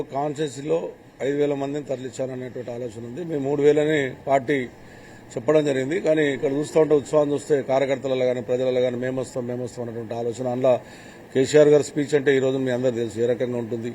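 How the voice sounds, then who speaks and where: Casting: older male politician, quick emphatic delivery, warm low tone, faint ambient noise behind. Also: fairly even intonation. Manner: emphatic, repeats points, rhetorical questions. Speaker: MLA interviewed by a reporter. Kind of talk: interview answers on camera.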